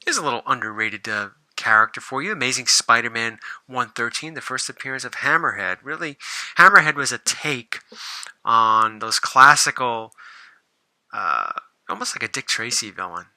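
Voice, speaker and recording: A man's voice: mid-range voice, animated, moderate pace, bright, forceful tone, no echo, rough recording. A man hosting a casual show-and-tell video about comic books, rambling, with lots of fillers and restarts. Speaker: comic book collector and channel host.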